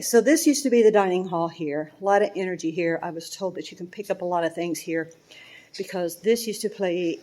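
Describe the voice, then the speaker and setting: A woman's voice: lowish voice, mellow, recorded from a distance. A woman from Kentucky with a Kentucky accent, guiding a tour and explaining in a conversational way inside a large empty historic building. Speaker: tour guide. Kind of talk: on-site tour narration. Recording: roomy echoing hall.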